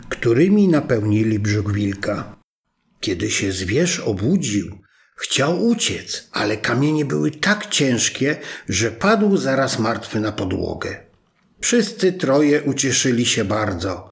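Slow, expressive male storyteller. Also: medium pitch. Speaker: narrator. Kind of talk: fairy tale reading.

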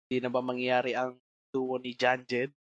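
A man's voice: medium pitch, completely flat delivery, normal speed, dry recording, lo-fi sound. A young Filipino man co-hosting a podcast, playful and swearing, tossing in jokey asides. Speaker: podcast co-host. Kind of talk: casual chat.

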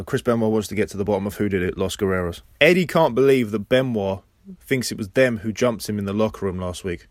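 A man's voice: on the low side, no echo, clean studio sound. A man hosting a podcast, casually recapping a wrestling episode play by play with rambling personal asides. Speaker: podcast host.

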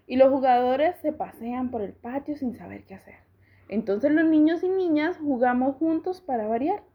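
A woman reads a children's storybook aloud in a slow, careful and expressive way. Her voice sits high. The recording is dull and lo-fi. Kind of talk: reading a children's book aloud.

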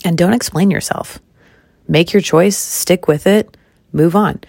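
A woman's voice: unhurried, creaky, no echo, clean studio sound. A woman in her mid-thirties hosting a podcast, talking through a personal decision in a candid, sassy monologue with dramatic jumps in her voice. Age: 30s. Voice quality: expressive, dramatic pitch jumps. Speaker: podcast host.

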